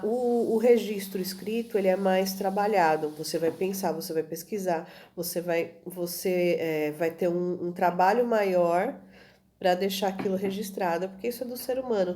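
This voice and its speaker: Mellow-voiced woman teaching a class. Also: medium pitch, normal speed, slight background noise. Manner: many fillers and restarts, checks in with "tudo bem?". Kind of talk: video lesson.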